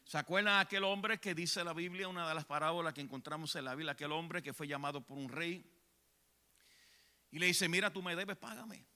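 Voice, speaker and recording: A man with a Puerto Rican accent preaching a church sermon, swinging between hushed lines and shouted ones. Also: fairly high pitch, a little fast. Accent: Puerto Rican Spanish. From Puerto Rico. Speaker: evangelist preacher. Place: church sanctuary.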